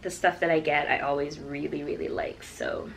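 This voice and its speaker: Low-voiced woman chatting, with some background noise. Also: very animated, moderate pace, creaky. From Toronto, Canada. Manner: conversational, addressing viewers directly. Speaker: YouTube vlogger. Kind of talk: casual chatty mukbang storytime.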